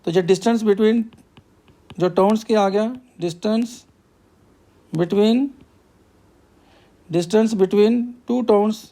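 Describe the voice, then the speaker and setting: A man's voice: sits high, drawn-out words, long pauses, dark tone. A male math teacher, working through a problem step by step and asking himself questions before he answers them.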